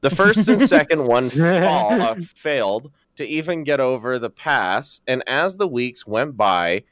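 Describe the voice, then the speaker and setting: A man's voice: mid-range voice, very animated, a little slow, a bit bright, no echo, studio quality. Joking man reading a podcast script. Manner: joking, laughs often, stumbles over the script. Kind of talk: casual podcast chat.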